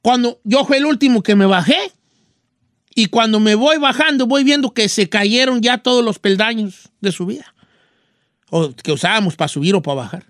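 A man performing a joking old rancher with a Mexican accent, his voice pitched up high and squeezed, a radio host rambling through a story in country slang. The sound is dry and close, with no room around it. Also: normal speed, a bit bright, no room sound. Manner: rambling, folksy, full of rural slang. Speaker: radio host giving advice. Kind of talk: storytelling and advice on a call-in show.

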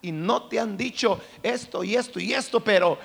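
A man's voice: sits high, moderate pace, vocal fry, breathy edge, exaggerated voice. A man acting out a weeping, manipulative young boyfriend who begs for forgiveness. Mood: pleading. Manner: tearful, begging, emphatic. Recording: long reverb of a large hall.

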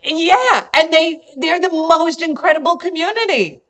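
A woman's voice: very high voice, a little slow. Effusive woman guest telling a story. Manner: animated and effusive, repeats herself for emphasis. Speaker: podcast guest. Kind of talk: conversational storytelling.

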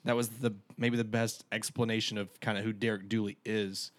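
Low-voiced man reminiscing calmly. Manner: measured, reflective recollection. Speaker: sports reporter and co-host. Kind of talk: casual chat.

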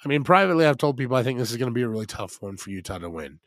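Hoarse American man talking football. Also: mid-range voice, very animated, racing, no room sound, clean studio sound. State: hoarse, smoky rasp from being out in the cold. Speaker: sports podcast co-host and football analyst. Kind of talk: casual sports talk.

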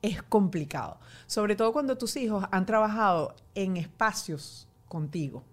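A woman in her forties, a journalist guest, talking candidly and lively about her children, mocking herself and acting out what her family says. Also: mid-range voice, a little slow. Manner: animated, self-mocking, quotes family in acted asides. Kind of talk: candid conversational interview. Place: home pantry.

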